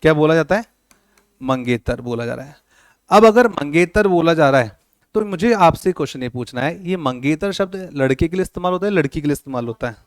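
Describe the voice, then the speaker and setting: A man's voice: a little high, expressive, brisk, dry recording, clean studio sound. A man teaching a classroom lecture, joking with and quizzing his students, mixing with words. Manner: playful, teasing students with questions.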